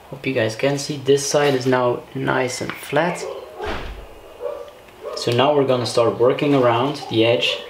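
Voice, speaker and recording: A man hosting a DIY video, casually explaining things step by step in a conversational way. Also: mid-range voice. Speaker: host of a DIY car series. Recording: roomy echo, clear background noise.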